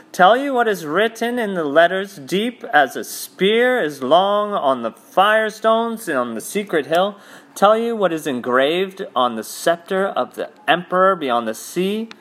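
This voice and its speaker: A man voicing a cold, cruel witch queen with a shrill, imperious manner. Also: fairly bright tone.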